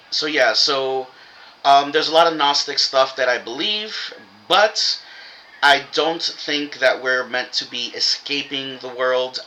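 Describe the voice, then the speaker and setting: A man's voice: medium pitch, sharp tone, rough recording. A man giving a casual, rambling spiritual monologue in an informal way, with swearing. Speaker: religious commentator.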